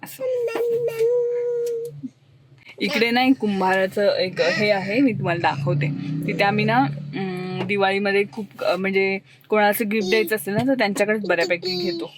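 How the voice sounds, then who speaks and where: A young woman with a Marathi accent, talking casually to the camera in a family vlog, explaining her plans as she goes. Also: brisk. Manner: baby talk to a toddler, high sing-song. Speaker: vlogger. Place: outdoors and in a car, rainy coastal day. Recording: phone vlog with clear background noise.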